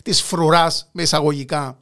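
A man with a Cypriot Greek accent telling history conversationally as a co-host, with hesitant, halting phrasing. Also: fairly high pitch, steady tone, pushed and bright. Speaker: podcast co-host narrating history. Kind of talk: conversational storytelling.

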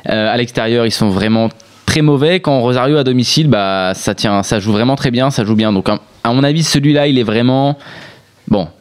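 A man's voice: mid-range voice, a little fast, clean tone. A man with a French accent giving sports betting tips on a casual radio show, hesitant, full of fillers and restarts.

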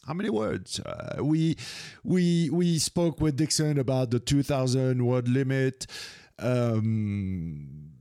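A man's voice: lowish voice, darkish tone, clean tone, dry recording, studio quality. A man hosting a casual podcast chat, teasing and hesitant, with many fillers. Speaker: podcast host.

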